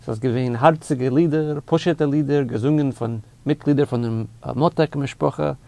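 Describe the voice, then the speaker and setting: A man's voice: medium pitch, fairly even intonation, moderate pace, creaky, mellow, dry recording. A man co-hosting a casual chat, friendly and asking his partner questions. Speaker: podcast co-host.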